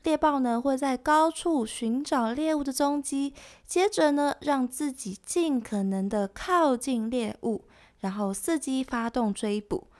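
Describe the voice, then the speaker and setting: The presenter of an animal education show, a woman, narrates a scripted nature documentary in a conversational, explanatory style softened by gentle sentence particles. Her voice is high and expressive, and she speaks a little slowly.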